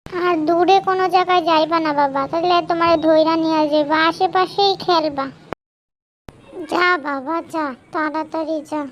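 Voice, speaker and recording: A woman's voice: moderate pace, highs cut off, slight background noise. An anxious young village mother. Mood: fussing, warning. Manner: high, even-toned, fussing with warnings. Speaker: daughter-in-law and mother. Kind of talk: cartoon voice acting.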